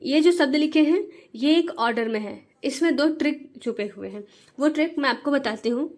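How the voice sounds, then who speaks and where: A woman teacher explaining to parents how to teach children to read. She breaks words into syllables and repeats each word slowly and patiently. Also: high voice, a little mellow. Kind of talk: slow, patient Hindi reading lesson.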